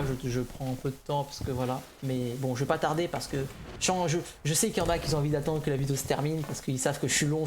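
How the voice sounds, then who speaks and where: A young man giving a casual, unscripted update to gaming viewers, hesitant and slightly nervous, often restarting his sentences. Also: mid-range voice. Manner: slightly nervous, neutral delivery. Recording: clear background noise, clicks.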